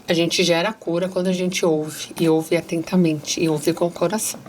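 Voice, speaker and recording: A woman's voice: lowish voice, flat delivery, normal speed, darkish tone, slight background noise. A middle-aged woman with a Brazilian accent, speaking earnestly as a guest, reading passages aloud and addressing listeners directly.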